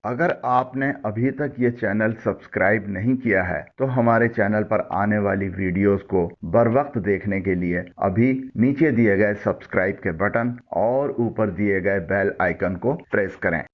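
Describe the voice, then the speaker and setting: A man teaching English pronunciation, slowly listing words and giving their meanings. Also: lowish voice. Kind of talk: instructional word-list lesson. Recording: dull lo-fi audio.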